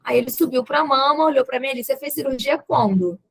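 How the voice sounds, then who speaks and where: A young adult woman with a Brazilian accent, guesting on a podcast, tells a personal story and acts out its dialogue with laughs and lively energy. Her voice is high, fast, breathy, and fry-tinged, and the audio is poor with no room sound.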